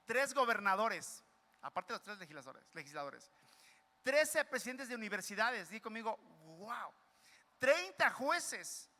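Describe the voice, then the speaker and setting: A man's voice: extremely high pitch, pushed and bright. A man preaching a sermon as pastor, energetically calling on the congregation to repeat phrases after him. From Mexico. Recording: reverberant church hall with music.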